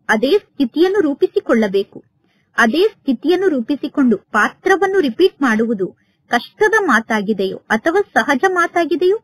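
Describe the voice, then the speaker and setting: A woman reading a devotional sermon in a measured, repetitive, exhorting way, as a spiritual teacher. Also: high voice, husky, no room sound.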